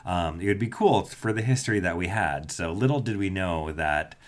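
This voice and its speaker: A man's voice: deep voice, normal speed. A man hosting a podcast about ghost tours, explaining the gear and story in an easygoing, skeptical way. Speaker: podcast host, ghost tour guide. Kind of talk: casual podcast chat.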